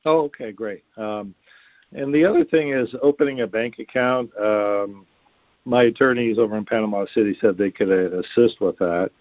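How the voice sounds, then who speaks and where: A man calls in to a radio show, his voice coming over a muffled, lo-fi phone line. He sits a little low in pitch and hesitates often, filling gaps with ums and uhs. The sound is dry and close. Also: normal speed, no room sound. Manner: hesitant, many fillers. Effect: caller heard over a phone line. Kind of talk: casual phone-in questions.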